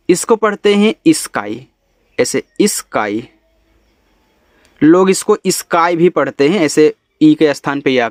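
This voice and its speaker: Man, teacher, spells words letter by letter, higher-pitched, dry recording. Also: dry recording. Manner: spells out letters slowly, then explains in Hindi. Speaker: English teacher. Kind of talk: spelling lesson.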